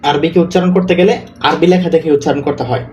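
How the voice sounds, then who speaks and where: A man teaching spoken Arabic, slowly repeating each example word as he explains his course notes. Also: fairly high pitch, darkish tone, dull audio, a little hiss or hum.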